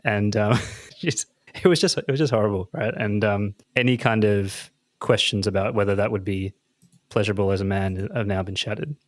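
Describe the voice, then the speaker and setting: A man co-hosting a podcast, telling a comic story in an animated, self-mocking way with frequent laughs. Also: lowish voice, moderate pace, no echo, clean studio sound. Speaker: podcast co-host. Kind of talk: casual chat, comic storytelling.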